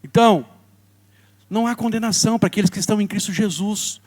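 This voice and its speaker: A Brazilian man, a pastor in his thirties, preaching a sermon and telling a personal story, swinging between loud stretches and soft ones. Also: sits high, fast. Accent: Brazilian Portuguese.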